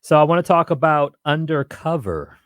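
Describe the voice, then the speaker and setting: A man's voice: on the high side, expressive, moderate pace, fairly bright tone, no echo, clean studio sound. A man hosting a radio interview show, upbeat and loose, with plenty of fillers.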